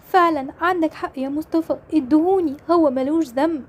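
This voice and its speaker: A woman's voice: high voice, a little fast, natural voice. A woman with an Egyptian accent voicing a young mother mourning a lost twin in a toy-game role-play drama. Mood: sad, pleading. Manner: plaintive, tearful pleading.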